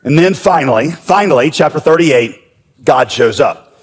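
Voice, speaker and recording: A man preaching a sermon as pastor, with humorous storytelling and lively asides. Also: a little high, a little slow. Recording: echoey hall.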